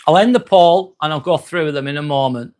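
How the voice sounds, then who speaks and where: Fairly high in pitch with a darkish tone, this man talks a little fast. He hosts a casual livestream and reads viewer comments aloud, friendly and chatty, with plenty of "um"s, in a northern English accent from near Manchester.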